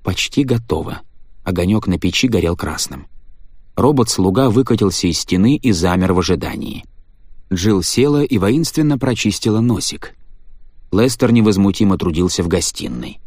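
A man narrating an audiobook story in a measured, even manner. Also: low-pitched, no room sound, studio quality. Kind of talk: scripted narration.

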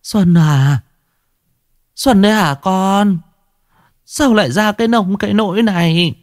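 A man's voice: sits high, slow, no room sound, clean studio sound, voice pushed up. A man voicing a frail old grandmother, weeping. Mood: anguished. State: crying.

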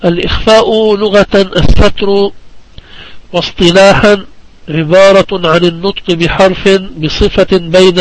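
A man from Palestine teaching the rules of Quran recitation in a deliberate classroom manner, repeating key phrases for his students. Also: high voice, rough recording. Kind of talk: religious lesson on recitation rules.

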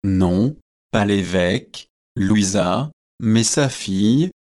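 A man reading the part of a prim, fussy young newly married gentleman in an audiobook, speaking in a doting, proper way. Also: fairly low pitch, animated, very slow, voice pushed down.

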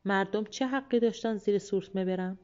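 A woman's voice: mid-range voice, a little mellow, muffled recording, faint music behind, close to an everyday voice. A woman voicing a lazy, cheeky young peasant man, blunt and sluggish, for a storybook.

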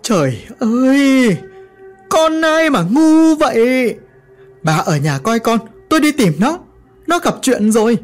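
A narrator voicing a worried village father who scolds and shouts in alarm. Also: very high voice, big pitch swings, normal speed, soft background music, pitched above the performer's own voice. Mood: panicked.

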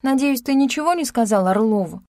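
A woman narrator voicing a defiant, sharp-tongued young woman in an audiobook, speaking higher than her narrating voice. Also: lively intonation, fairly quick, dry recording, studio quality, natural voice. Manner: sharp, defiant, raised pitch.

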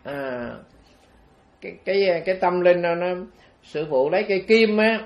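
High-voiced monk telling a tale. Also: male voice, animated, moderate pace. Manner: folksy, rambling with many fillers and restarts. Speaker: Buddhist monk giving a dharma talk. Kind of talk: storytelling sermon. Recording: dull lo-fi recording.

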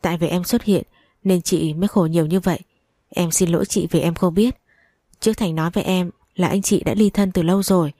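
A woman's voice: lowish voice, fairly even intonation, a little fast, mellow, no room sound, studio quality, lightly acted. A woman voicing a remorseful young wife apologizing earnestly, in a read-aloud story.

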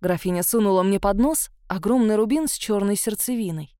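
A woman reading a novel aloud in the first person, telling the story in an expressive, lively way. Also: mid-range voice, brisk, no echo, studio quality. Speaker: audiobook narrator.

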